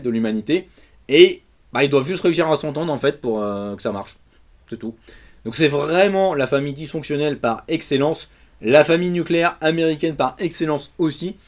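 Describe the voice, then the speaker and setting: French man enthusing about comics. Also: fairly high pitch. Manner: animated, colloquial, emphatic. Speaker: comics reviewer. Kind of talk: casual enthusiastic video review.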